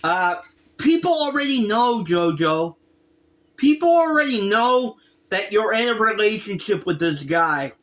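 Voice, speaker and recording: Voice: mid-range voice, very animated, measured pace, fairly bright tone. A commentator on a casual opinion rant, speaking in an exasperated, emphatic way and repeating points for stress. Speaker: reaction video commentator.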